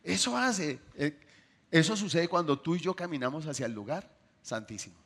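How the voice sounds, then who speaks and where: A man delivers a sermon to his congregation in a slightly high, husky, expressive voice. He asks them questions and shifts between loud bursts and soft, drawn-out lines.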